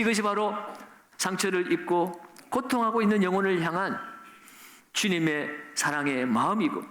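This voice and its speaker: A man's voice: high-pitched, sharp tone. A middle-aged man preaching an earnest Sunday sermon as pastor, often putting rhetorical questions to his congregation. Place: church sanctuary. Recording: echoey church sanctuary.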